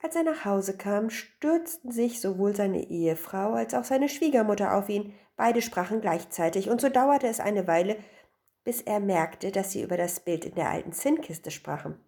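A woman narrating a fairy tale in an expressive reading voice. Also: medium pitch, normal speed. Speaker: storyteller. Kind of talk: scripted storybook narration.

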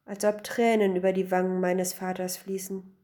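A woman's voice: on the low side, flat delivery, normal speed, dark tone, close to an everyday voice. A woman voicing an earnest young husband in a storybook tale.

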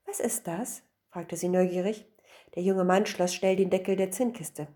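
A woman narrating a fairy tale in an expressive reading voice. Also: fairly low pitch, normal speed. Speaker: storyteller. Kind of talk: scripted storybook narration.

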